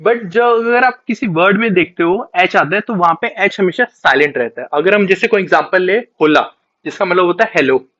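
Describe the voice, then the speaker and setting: A man teaching a beginner Spanish lesson, explaining patiently step by step and switching between Hindi and English. He slows down to spell out and repeat each letter sound. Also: high voice, a bit bright, highs cut off.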